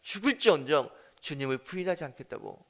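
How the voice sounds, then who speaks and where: A man's voice: fairly high pitch, big pitch swings, brisk, vocal fry, exaggerated voice. A man preaching in the voice of a master who sternly questions a disciple who betrayed him. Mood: reproachful. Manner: reproachful questioning. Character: risen master, a grown man confronting his student.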